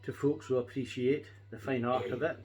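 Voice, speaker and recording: A man's voice: mid-range voice, steady tone, normal speed, a little mellow, soft background music, poor audio. A middle-aged or older Scottish man chatting casually to camera, reminiscing in a rambling, folksy and reflective way. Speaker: pipe-smoking vlogger.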